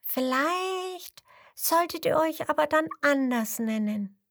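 A woman voicing a small, cheerful young crocodile in a children's storybook, with a high, bright, giggly way of talking. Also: expressive, takes it slowly, no room sound, clean studio sound, exaggerated voice. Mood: gentle. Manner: giggly, gentle.

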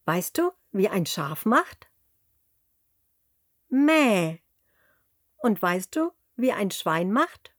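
Slow, gentle woman telling a kids story. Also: mid-range voice, sing-song, no room sound, clean studio sound. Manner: slow, clear, addresses the child directly. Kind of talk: children's story narration.

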